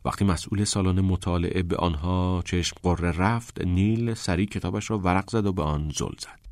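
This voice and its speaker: Low-voiced male audiobook narrator. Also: a little mellow, no echo. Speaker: audiobook reader. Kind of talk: scripted narration.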